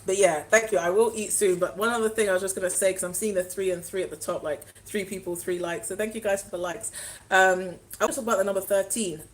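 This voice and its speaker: A woman's voice: mid-range voice, steady tone, fast, low-quality recording. A young woman chatting casually on a live stream, rambling and answering viewer comments as they come in. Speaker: spiritual vlogger doing a live stream.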